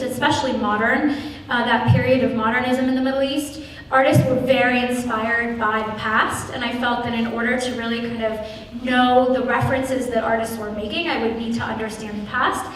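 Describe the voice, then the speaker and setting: Woman from Iraq, high voice, lecturing on curating, halting with ums, distant mic in a big echoey hall. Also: fairly even intonation, fairly bright tone, slight background noise. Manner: thoughtful, frequent ums and restarts. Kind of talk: public lecture. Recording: echoey hall, recorded from far off.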